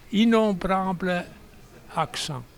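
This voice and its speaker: A man talking in an unhurried, good-humored way in an interview. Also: sits high. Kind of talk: casual chat.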